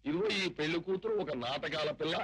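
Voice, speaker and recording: A man's voice: a little high, quick pace, a bit bright, low-quality recording. An actor playing a crafty middle-aged male schemer who speaks in a conspiratorial way, in a film soundtrack.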